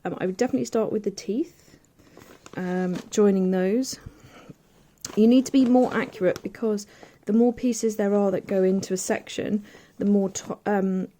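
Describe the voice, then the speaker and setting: A woman giving a casual hands-on sewing demonstration, chatty and thinking aloud as she pins fabric, with soft asides. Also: medium pitch, steady tone, normal speed, a little hiss or hum. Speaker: quilting tutor.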